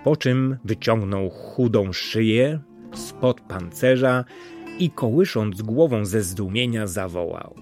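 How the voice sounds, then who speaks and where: A man narrating a storybook tale in a calm, gently expressive way. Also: lowish voice, takes it slowly, faint music behind. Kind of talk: storybook reading.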